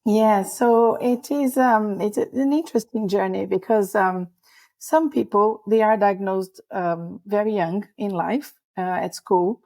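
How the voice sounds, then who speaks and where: A middle-aged woman from Brazil, guest on a podcast, hoarse from a cold and talking in a chatty, rambling way. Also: mid-range voice, steady tone, unhurried, a little mellow. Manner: chatty, rambling with many fillers. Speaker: ADHD coach, guest. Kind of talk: podcast interview.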